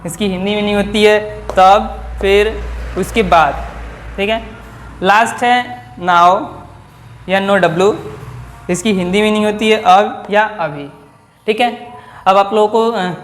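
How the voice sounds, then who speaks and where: A man's voice: sits high, fairly bright tone. A man gives a patient, bilingual vocabulary lesson. He spells words out letter by letter and repeats them so that beginners can follow along. His voice carries around a roomy classroom, with a faint hum of noise behind it. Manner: patient, repeats words and checks with "theek hai". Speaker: English teacher. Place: coaching classroom. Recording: echoey room, faint background noise.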